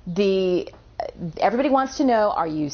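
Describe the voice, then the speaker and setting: A woman's voice: mid-range voice, lively intonation, normal speed. A woman hosting an interview, asking questions in an upbeat way. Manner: upbeat, laughs often. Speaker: interview host. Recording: dull lo-fi sound.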